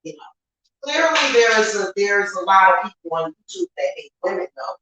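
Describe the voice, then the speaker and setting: With a noisy background and a very echoey room, an American woman, an online witch and spiritual reader, talks off the cuff to her viewers. Her voice is mid-range, brisk and lively in intonation. She's candid, emphatic and colloquial, repeating her points as she goes.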